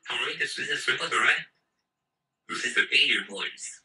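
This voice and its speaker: A man's voice: mid-range voice, expressive, unhurried, pushed and bright, husky, exaggerated voice. A man whose voice memo is played back through an alien voice changer filter. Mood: playful. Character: alien voice filter on a man's recording.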